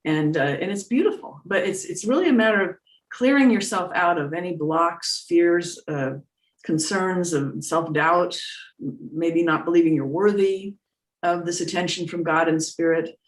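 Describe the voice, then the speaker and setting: A woman's voice: lowish voice, moderate pace. A middle-aged woman giving casual, earnest spiritual teaching in an informal, emphatic way. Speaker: spiritual teacher and medium answering questions. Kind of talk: casual, conversational spiritual talk. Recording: echoey room, distant mic on internet call.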